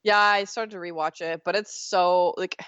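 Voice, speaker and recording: A woman chatting casually on a podcast, talkative and quick to laugh, often leaving sentences unfinished. Her voice sits a little low. The recording is dry and slightly muffled. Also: fairly even intonation, fairly bright tone, smooth, no echo. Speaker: podcast co-host. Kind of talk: casual chat.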